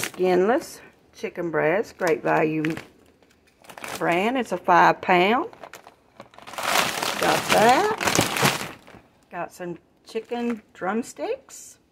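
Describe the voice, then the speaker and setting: An older woman chatting casually through her grocery haul at home, homely and relaxed, addressing viewers as y'all, recorded on a phone in her kitchen. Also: medium pitch, creaky, background noise. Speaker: vlogger.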